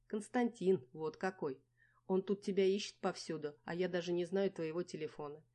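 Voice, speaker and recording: A woman's voice: fairly low pitch, fairly even intonation, moderate pace, dark tone, close to an everyday voice. A woman reading an audiobook voices a chatty, fussing middle-aged mother who exclaims, laments and teases.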